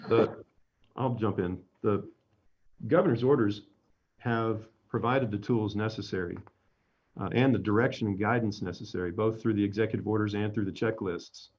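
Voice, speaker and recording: A man answering reporters' questions at a city press briefing in a measured, slightly wry manner. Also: fairly low pitch, darkish tone. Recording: dull lo-fi audio.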